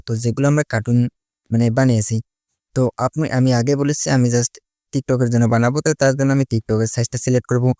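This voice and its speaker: In a laid-back step-by-step tutorial, the host blends English terms into Bengali and keeps returning to the same linking phrases. He has a mellow, medium-pitched voice. The recording is dry and clean, studio-grade.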